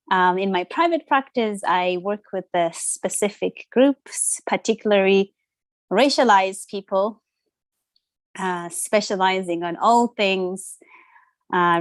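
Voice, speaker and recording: A Ndebele-speaking woman from Zimbabwe, in her thirties, appears as a guest in a conversational interview as a social worker. Her mid-range voice is captured in a dry recording, and she speaks reflectively and hesitantly, with many fillers.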